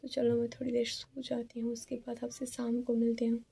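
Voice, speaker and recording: A young woman, talking slowly and softly in a casual vlog, tired and sleepy. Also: on the high side, monotone, creaky, husky. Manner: soft-spoken, slow and subdued. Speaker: vlogger.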